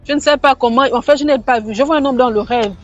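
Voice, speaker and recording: A woman's voice: high-pitched, quick pace. A woman telling a personal mystical experience in a casual, rambling way, often restarting and repeating words. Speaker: storyteller sharing a personal testimony. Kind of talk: casual first-person storytelling. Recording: slightly muffled, faint background music.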